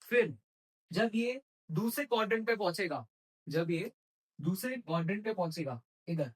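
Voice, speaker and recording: A man's voice: sits high, lively intonation, normal speed, breathy edge, low-quality recording. A man teaching physics to exam students. He talks in Hindi mixed with English terms and keeps asking the class questions and then answering them himself. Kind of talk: exam-prep physics lecture.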